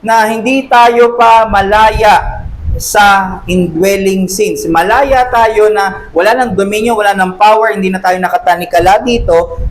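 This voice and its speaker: Male Sunday school teacher, high voice, talks conversationally, tosses in quick rhetorical questions, faint background noise. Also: poor audio. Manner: acts out quoted voices. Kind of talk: church class lecture.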